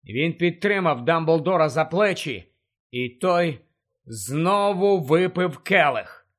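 A man with a high voice for his sex reads a fantasy audiobook with urgent, dramatic narration. He drops lower and quieter for the dark passages. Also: expressive, takes it slowly. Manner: tense, urgent storytelling that drops low and quiet for dark moments.

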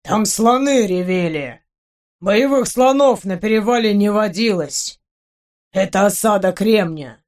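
A woman voicing a stubborn bearded male guard in a spoken storybook, speaking slowly and insistently. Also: medium pitch, animated, a little mellow, close to an everyday voice.

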